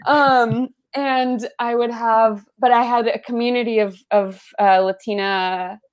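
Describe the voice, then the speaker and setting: Speaking unhurriedly in a clean, slightly high voice, a young Spanish-speaking woman from the San Francisco Bay Area chats as an interview guest. The writer leans on fillers like "um" and "like" and becomes animated when she recounts stories.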